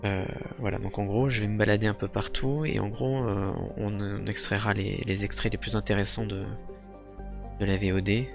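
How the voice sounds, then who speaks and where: A man's voice: on the low side, fairly even intonation, normal speed, creaky, muffled recording, over music. A man hosting a let's play, commenting casually and thinking aloud in a hesitant, improvised way. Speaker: gaming video host.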